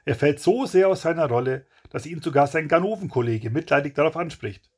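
Man, audiobook narrator, crime story, dramatic and punchy, husky voice, lively pitch. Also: brisk.

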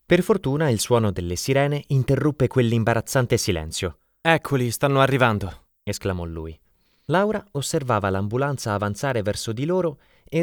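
A man narrating a story in an expressive, dramatic reading. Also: mid-range voice, dry recording, studio quality. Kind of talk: audiobook narration.

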